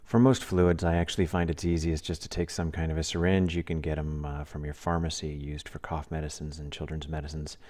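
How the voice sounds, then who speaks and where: A man hosting a do-it-yourself channel, talking through a craft demonstration in a relaxed, practical, plain-spoken way as a close-miked voice-over. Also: rumbling low, brisk, hardly any pauses. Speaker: DIY channel host. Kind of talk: casual tutorial voice-over.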